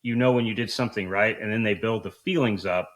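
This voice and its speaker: A man with a lowish voice talks fast as a duck calling coach, giving conversational instruction and explaining things in a casual, colloquial way.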